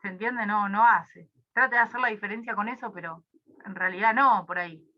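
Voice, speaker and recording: A woman's voice: medium pitch, brisk, lo-fi sound. Rambling Argentine woman tutoring online. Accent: Rioplatense Spanish. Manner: casual, rambling, with many fillers. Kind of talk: online review class.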